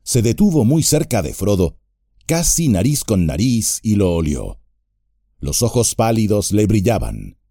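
Expressive male audiobook narrator. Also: on the low side, measured pace, creaky, no echo, studio quality. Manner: expressive, dramatic reading.

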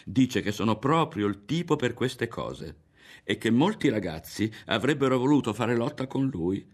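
A man voicing an excitable, touchy boy who talks in a raised, eager voice in an audiobook reading. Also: medium pitch, normal speed, voice pushed up. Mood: boastful.

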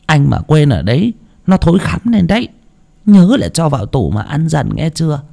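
A man's voice: a little high, sing-song, moderate pace, creaky, mellow, voice pushed up, full character voice. A man voicing a caring old village grandmother in her seventies who fusses with motherly instructions. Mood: fussing.

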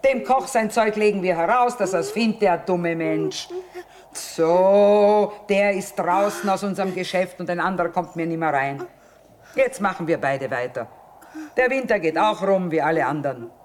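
Actress as low-voiced, tough, stubborn trader mother. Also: moderate pace, darkish tone, close to an everyday voice. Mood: brusque, resolute. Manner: blunt, earthy, commanding. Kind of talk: stage-like radio drama acting.

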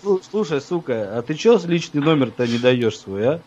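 Taunting prank caller on a lo-fi line. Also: male voice, medium pitch, big pitch swings, moderate pace, darkish tone, breathy edge. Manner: taunting, crude, mocking, laughs at his own insults. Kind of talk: abusive prank phone call. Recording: dull lo-fi phone audio.

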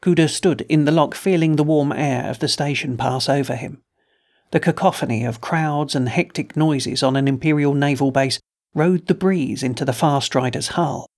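Gravelly-voiced male podcast host. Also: on the high side, moderate pace. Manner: steady storytelling read. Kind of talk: scripted narration.

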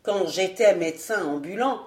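A woman's voice: on the low side, expressive, moderate pace, roomy sound, natural voice. A woman voicing a sly male servant, a former acrobat, speaking in a wry, unruffled way.

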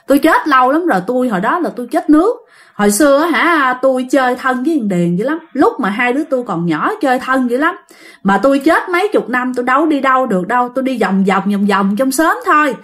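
A woman's voice: high voice, animated, fast, a bit bright. A woman voicing a begging drowned-boy ghost. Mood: pleading. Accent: Southern Vietnamese. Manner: begging, rambling, with many "hả" fillers.

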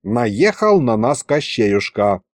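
A man voicing a calm, crafty old grandfather who drawls in folksy speech. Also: medium pitch, slow pace, no room sound.

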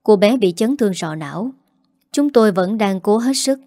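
A woman voicing a brisk, matter-of-fact male doctor in a read-aloud story. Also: mid-range voice, expressive, warm tone, no room sound, clean studio sound, natural voice. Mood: urgent.

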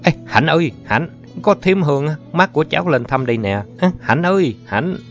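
A man's voice: on the low side, lively intonation, normal speed. A man voicing an eager-to-please, fluttery middle-aged male teacher. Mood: coaxing. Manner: fluttery, overly courteous. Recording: muffled audio with faint music.

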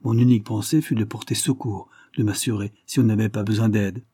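A man voicing a proud young gentleman who is accused of a crime and answers in a calm, measured way, in an audiobook reading. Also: fairly low pitch, slightly rough, dry recording, studio quality.

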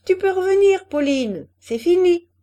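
Jealous society lady, read by a woman, indignant and scolding, high lively voice. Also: moderate pace. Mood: commanding.

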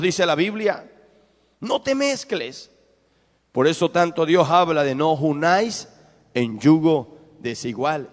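A man's voice: a little high, a bit bright, big-room sound. A man with a Mexican accent preaching a sermon as a pastor, asking his congregation rhetorical questions. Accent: Mexican Spanish. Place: church.

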